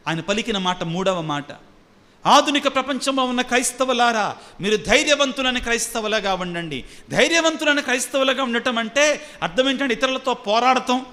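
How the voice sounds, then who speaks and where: High, bright-voiced preaching priest. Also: male voice. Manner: emphatic preaching, repeating phrases and asking the congregation questions. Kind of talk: sermon. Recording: long hall reverb.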